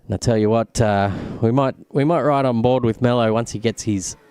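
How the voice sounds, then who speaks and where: A man's voice: mid-range voice, fairly quick, darkish tone, clear, resonant tone. A man hosting live race commentary in a conversational, colloquial manner. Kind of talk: live sim racing commentary.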